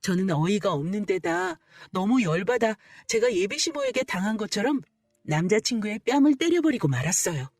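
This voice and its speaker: A young adult woman giving an expressive first-person narration of a dramatic real-life story. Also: medium pitch, normal speed, dry recording. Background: soft background music.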